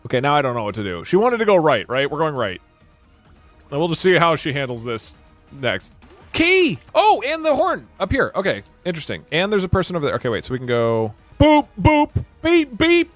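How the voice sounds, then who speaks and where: A man's voice: on the high side, huge pitch swings, fairly quick, fairly bright tone, dry recording, faint music behind. A man giving casual, joking commentary while playing a game, laughing often. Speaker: streamer.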